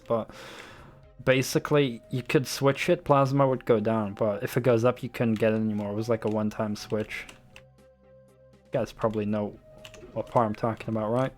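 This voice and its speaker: A young Dutchman with a light accent and a medium-pitched voice streams a shooter game, chatting loosely and rambling with his viewers and swearing now and then. He talks into a desktop USB microphone.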